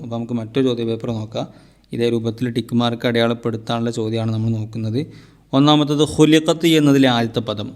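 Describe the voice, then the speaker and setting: A male madrasa teacher with a Kerala Malayalam accent, talking students through test answers one by one. He poses each question, then answers it himself, and counts letters out slowly. His voice sits at an ordinary middle pitch. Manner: patient, asks and answers his own questions; ends sentences with soft "tto" tag. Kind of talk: exam answer walkthrough.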